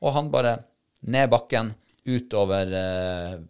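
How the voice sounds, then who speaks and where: Low-voiced man telling a lively story. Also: clean tone. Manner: lively, animated retelling, quoting others. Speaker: dog handler telling a story. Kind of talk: casual storytelling in a podcast chat.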